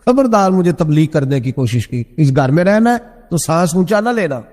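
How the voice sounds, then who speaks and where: A preacher voicing a stern old saint barking rebukes. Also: male voice, fairly high pitch, very animated. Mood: angry scolding. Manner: harsh, scolding, shouted rebukes. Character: stern, irritable old male saint scolding his wife. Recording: long hall reverb.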